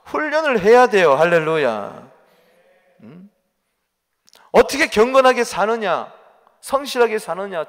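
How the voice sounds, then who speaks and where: A pastor preaching a sermon, firing rhetorical questions at the congregation and swinging from loud to quiet. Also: male voice, high-pitched. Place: church sanctuary. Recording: long church reverb.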